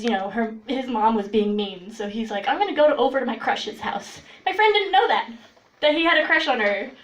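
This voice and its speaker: A young woman telling funny stories on a stage, laughing as she goes and acting out what people said. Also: fairly high pitch. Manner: animated, laughs while telling, acts out quotes. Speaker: storyteller. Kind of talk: live comedic storytelling. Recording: roomy echo, voice from far off.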